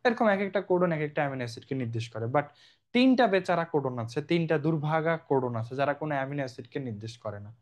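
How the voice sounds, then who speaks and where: A man's voice: a little high, animated, rapid-fire. A young man from Bangladesh teaching a biology exam-prep lecture in a chatty way, often checking in with his students. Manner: chatty, addresses students directly with frequent check-ins.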